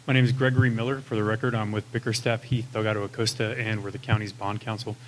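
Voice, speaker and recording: A man with a fairly low voice talks quickly, giving courteous, formal remarks as counsel at a public meeting. Faint room noise sits behind him. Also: flat delivery. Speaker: bond counsel addressing a meeting. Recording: noisy meeting room ambience.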